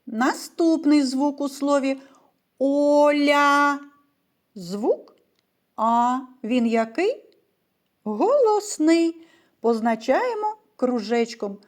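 A woman's voice: high-pitched, a little mellow. A woman teacher leading a reading lesson for small children, asking questions and answering them in a patient, sing-song way. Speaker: primary school teacher. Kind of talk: slow, clear lesson for young children.

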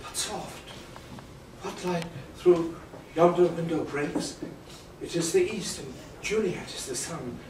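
Romeo, a young lover lost in rapture, murmurs his Shakespearean verse softly, spoken by a man with a fairly high voice. The delivery stays hushed and tender. The recording is very echoey and distant from the mic. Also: slow pace, slight background noise. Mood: rapturous. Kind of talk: Shakespeare stage recitation.

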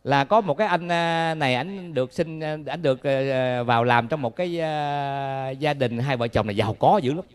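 A man's voice: medium pitch, normal speed, few pauses, clean tone. A man with a Southern Vietnamese accent, a Buddhist monk giving a dharma talk in a folksy, humorous way, telling stories and asking the audience questions.

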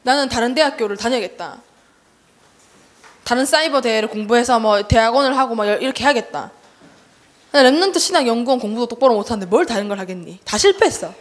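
Young woman preacher, kids' sermon, a bit high voiced, super chatty and animated. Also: quick pace. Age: young adult. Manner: chatty and animated, acts out relatives' voices with laughter. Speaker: junior evangelist preaching to a children's service. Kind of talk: lively children's sermon. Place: church hall.

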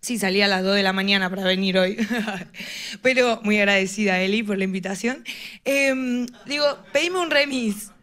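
A woman's voice: mid-range voice, moderate pace, a bit bright. A woman with a Rioplatense Argentine accent doing live stand-up, chatty and laughing at her own jokes. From Morón, western Greater Buenos Aires, Argentina. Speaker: stand-up comedian.

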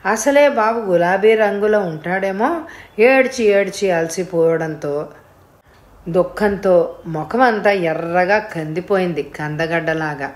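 A woman's voice: fairly low pitch, measured pace. Woman reading a novel aloud. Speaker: audiobook reader. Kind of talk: storytelling narration.

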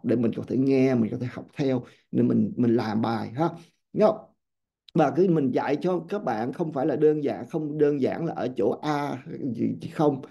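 A man teaching English to a room of adults, lively and often checking with his listeners. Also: mid-range voice, gravelly. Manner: animated, keeps checking with the class. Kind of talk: classroom lecture. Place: classroom or seminar room. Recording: dull lo-fi sound.

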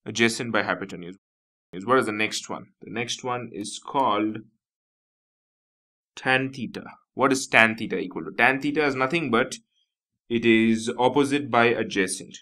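A man's voice: mid-range voice, moderate pace, pushed and bright. A man with an Indian English accent teaching a math lesson, explaining step by step and repeating key terms. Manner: explanatory, repeats key terms, frequent "nothing but" and "you know".

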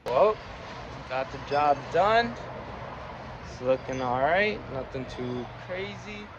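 Filming himself on a phone at arm's length, a young vlogger speaks slowly and expressively in a slightly high voice, and the recording has its highs cut off. His casual talk is full of slang and swearing, set first at a gas station outside and then in a car, both noisy.

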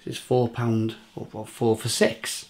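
A man's voice: mid-range voice, flat delivery, measured pace, gravelly, noisy background. A man with a British accent doing a casual beer review to camera, rambling through restarts and listing flavours with enthusiasm. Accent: British English. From England.

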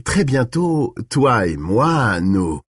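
Give me a suave male vampire who toys with his victim, played by a man reading a storybook. His voice is soft, slow and honeyed, with a deep breathy husk. The delivery stays dry and close. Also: sing-song, no echo, full character voice. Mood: false kindness. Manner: soft, charming, mocking, slow. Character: suave menacing male vampire, mocking and cruel.

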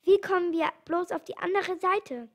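A woman's voice: very high voice, voice pushed up. A woman doing a wailing, frightened little piglet. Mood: wailing, scared. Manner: wailing, drawn-out complaint. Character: small frightened male piglet.

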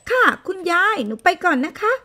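A woman's voice: extremely high pitch, sing-song, brisk, pushed and bright. A woman voicing an eager, polite little girl who asks her grandmother for things in a home-made skit. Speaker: storyteller.

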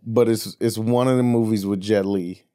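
A man's voice: on the low side, steady tone, normal speed, mellow, dry recording, studio quality. A man co-hosting a casual movie podcast, laid-back and joking as he guesses at trivia and swears freely. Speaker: podcast co-host. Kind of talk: casual chat.

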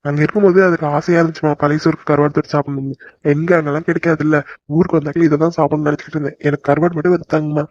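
A voice actor playing a gentle young son back home in a cartoon, reassuring his mother and sister. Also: mid-range voice, flat delivery, very fast, dry recording, dull audio, close to an everyday voice. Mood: warm. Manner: soothing, reassuring. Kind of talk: cartoon voice acting.

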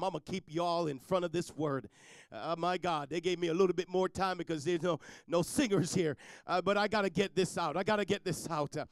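A male pastor preaching a sermon in a high, smooth, resonant voice. He drives home repeated refrains, with stammered restarts and fillers between them. The sound is close and dry. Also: dry recording.

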